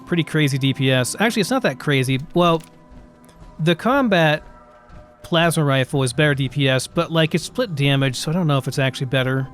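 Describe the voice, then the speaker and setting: A man's voice: fairly high pitch, a little fast, soft background music. Man rambling over a game. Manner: rambling, thinks aloud with restarts. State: hiccuping. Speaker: gameplay commentator. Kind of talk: casual gameplay commentary.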